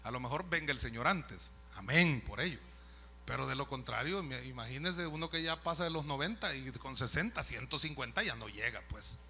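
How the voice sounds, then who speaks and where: A man's voice: mid-range voice, expressive, a little fast, pushed and bright, husky. A man, a pastor telling a story in a sermon, conversational with asides to the listeners. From El Salvador. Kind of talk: sermon testimony.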